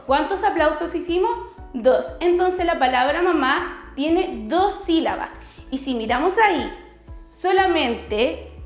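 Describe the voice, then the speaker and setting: A woman with a Chilean accent teaching a recorded class for first graders, explaining slowly and clearly and asking the children questions. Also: high voice, roomy sound. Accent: Chilean Spanish.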